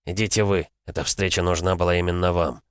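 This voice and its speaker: A man voicing an impatient, irritable American man in an audiobook, gruff and grumbling. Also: low voice, steady tone, fast, no room sound, studio quality, lightly acted. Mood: irritated.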